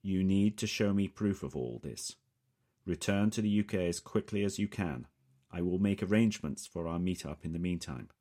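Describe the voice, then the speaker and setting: A brisk, guarded British man on a late-night phone call in an audiobook thriller, as the narrator puts him on. He speaks with a British accent and firm, clipped authority, his voice lifted well above the narrator's own deep register. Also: animated, warm tone. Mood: commanding.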